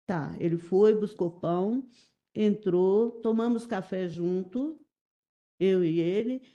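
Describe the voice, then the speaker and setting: A middle-aged Brazilian woman giving halting, repetitive, emotional testimony as a witness in a courtroom. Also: mid-range voice, mellow, highs cut off. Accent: Brazilian Portuguese. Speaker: witness testifying in a jury trial.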